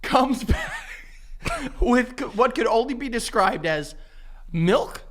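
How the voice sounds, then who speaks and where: A man co-hosting a podcast, telling stories casually in an excitable, protesting way. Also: very high voice, slow pace. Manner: excitable, protesting, loud bursts. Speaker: podcast co-host. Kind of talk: casual storytelling chat.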